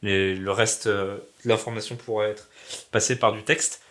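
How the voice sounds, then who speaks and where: A man's voice: lowish voice, steady tone, moderate pace, fairly bright tone. A man from Alsace, sick with a sore throat and coughing, chatting in a slangy, self-mocking, rambling vlog about making a game. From Alsace, France. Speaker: hobby game developer vlogger. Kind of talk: casual vlog chat.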